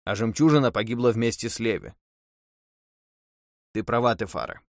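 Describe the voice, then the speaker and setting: A man's voice: medium pitch, normal speed, no room sound, studio quality, lightly acted. A man voicing a timid island husband in an audiobook, defensive and faltering. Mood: weary.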